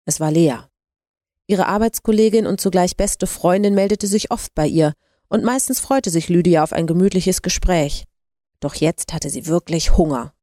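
A woman reading a story aloud in an even, measured way. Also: fairly low pitch, dry recording, studio quality. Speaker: narrator. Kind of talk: audiobook narration.

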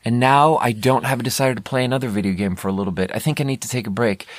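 An American man hosts a podcast solo, rambling casually and candidly in a racing, steady-toned, mid-range voice. He keeps it conversational and often cuts himself off mid-thought, and the recording has no echo.

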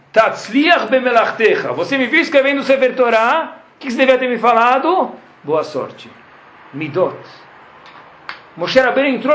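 A man's high voice rises and falls sharply as he teaches a religious lesson. He keeps throwing rhetorical questions back at his listeners and answers them himself. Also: fairly bright tone. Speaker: Torah teacher.

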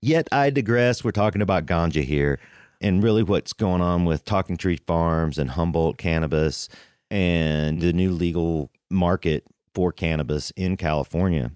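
Male podcast host, low-pitched, conversational and rambling intro delivery, very dry recording. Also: normal speed, a little mellow, no echo. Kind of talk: casual podcast introduction monologue.

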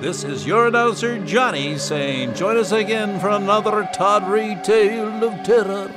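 A man's voice: sits high, unhurried. A man playing the announcer of an old-time radio mystery drama, with a theatrical, sweeping delivery. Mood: grand. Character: booming male announcer of a vintage radio mystery show. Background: loud theme music.

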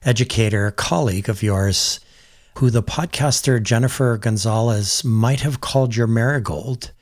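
A man hosting a podcast interview, asking long questions and explaining ideas in a measured way. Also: medium pitch, dry recording, clean studio sound. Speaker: podcast host.

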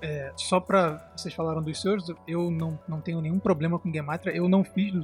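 A man's voice: on the high side, fairly even intonation, fairly quick, soft background music. A man co-hosting a casual podcast discussion, talking in a conversational way. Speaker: podcast co-host.

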